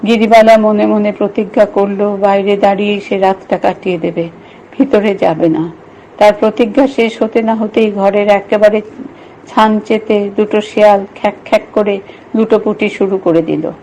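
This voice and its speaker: A woman reading a novel aloud in a steady, measured storytelling voice. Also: medium pitch, a little hiss or hum, poor audio. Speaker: reader.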